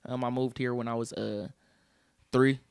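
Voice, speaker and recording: A man's voice: mid-range voice, little pitch movement, moderate pace, vocal fry, smooth, dry recording, clean studio sound. A young man in his twenties, a guest actor and musician, chatting casually with laid-back slang and frequent "you see what I'm saying" tags. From Cleveland Heights, Ohio; born in DC. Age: 20s. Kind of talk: casual chat.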